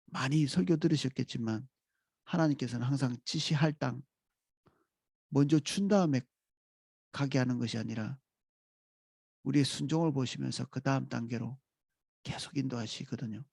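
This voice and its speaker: A man preaching a dawn sermon as pastor, in a calm, reflective way with pauses. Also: mid-range voice, gravelly, slightly rough, no room sound.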